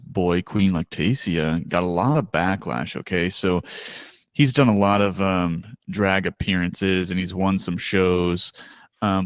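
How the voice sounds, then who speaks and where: A man with a low voice co-hosts a casual podcast chat. He talks in an easygoing, hesitant way full of ums and uhs and laughs often. The sound is dry and close. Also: no echo. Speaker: podcast co-host.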